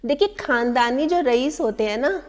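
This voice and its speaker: Woman with a high voice giving advice talks, acting out other people's taunts, in a reverberant room. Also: lively intonation, moderate pace. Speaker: speaker giving advice on manners. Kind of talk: talking to camera.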